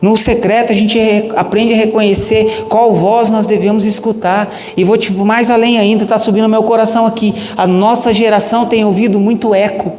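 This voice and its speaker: A man's voice: high voice, little pitch movement, fairly quick, few pauses, a little mellow. A man with a Brazilian accent, a pastor preaching a sermon emphatically and asking the congregation questions. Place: church hall. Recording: echoey church hall with long reverb and faint noise.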